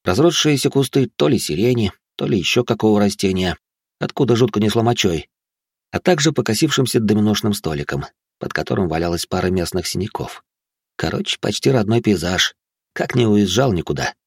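A man narrates an audiobook in a wry, unhurried way. His voice is low and gravelly. The recording is dry and close. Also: animated, no room sound.

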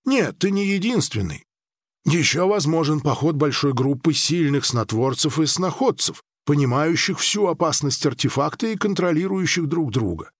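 A man voicing a calm, ironic ancient dream-weaver. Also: a little high, no room sound, studio quality.

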